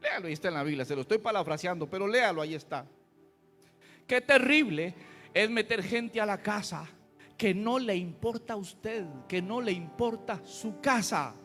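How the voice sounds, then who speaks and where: A man's voice: high-pitched, normal speed, fairly bright tone, in a large hall, soft background music. A man preaching a fiery, folksy sermon as a pastor, full of rhetorical questions. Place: church.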